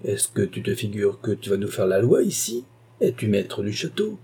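A man voicing an irascible older uncle who shouts and bullies in a storybook reading. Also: fairly low pitch, sing-song, normal speed, husky. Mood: angry. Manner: shouting, bullying. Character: irascible elderly male uncle, blustering.

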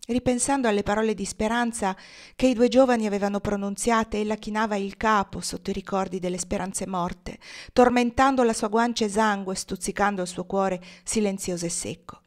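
Calm woman reading a classic novel. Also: medium pitch, fairly quick. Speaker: audiobook reader. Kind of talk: literary narration.

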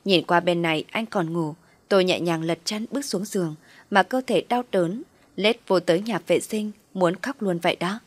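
Woman reading a story, low voice, dry close sound. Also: normal speed, no echo. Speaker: story narrator. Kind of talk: first-person story reading.

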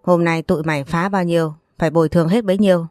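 A woman's voice: lowish voice, fairly even intonation, quick pace, darkish tone, no echo, clean studio sound, lightly acted. A woman voicing a firm, reproachful older man who is the family elder in a read-aloud story.

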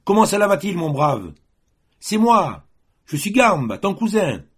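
A man voicing a boastful gendarme sergeant who greets people loudly and with too much friendliness. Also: medium pitch, sing-song, moderate pace, slightly rough, voice pushed up. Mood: hearty. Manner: hearty, loud, overly friendly.

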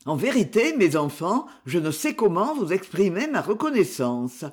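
A man's voice: high voice, sing-song, moderate pace, breathy edge, heavily acted. A man reading a storybook, voicing a courteous, well-off older father who speaks with effusive, polite gratitude. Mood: grateful.

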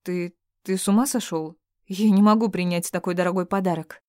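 A woman's voice: lowish voice, fairly even intonation, a little fast, mellow, dry recording, clean studio sound, lightly acted. Woman reading as a timid, nervous young girl. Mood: flustered. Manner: hesitant, nervous. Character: timid eighteen-year-old girl, nervous and shy.

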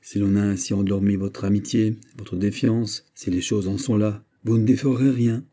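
A man's voice: fairly low pitch, steady tone, moderate pace, warm tone, natural voice. A man reading aloud, voicing a cautious male adviser who warns with insistent urgency. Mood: urgent. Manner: warning, insistent.

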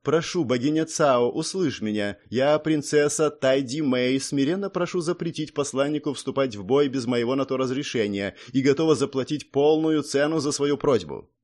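A man's voice: normal speed, few pauses, a little mellow, natural voice. A man voicing a flustered, possessive young princess in a raised, eager voice. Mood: solemn. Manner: raised pitch, pleading and eager.

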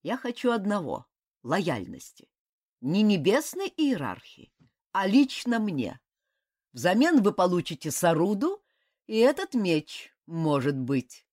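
Woman reading a sly scheming ex-god guy, mocking and measured, lively delivery, dry sound. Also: medium pitch, no echo, heavily acted. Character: cunning male former god, cool and scheming.

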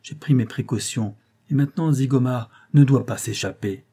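A man reading an audiobook, voicing a grave and dutiful police detective in a measured manner. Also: medium pitch, dark tone, husky.

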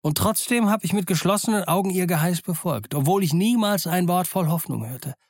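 A man's voice: high voice, expressive, brisk, no echo, pitched above the performer's own voice. A man plays a cunning old pirate cook in a storybook, speaking in a raised, wheedling voice. The recording is dry and close. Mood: indignant. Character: wily older male pirate ship's cook. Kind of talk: audiobook character voice.

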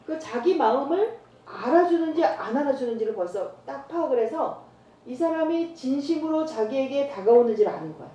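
Her high voice is brisk as this middle-aged evangelist delivers a church training talk full of stories. She acts out the dialogue with lively voices, and the mic sits far from her in a roomy church hall, catching faint noise.

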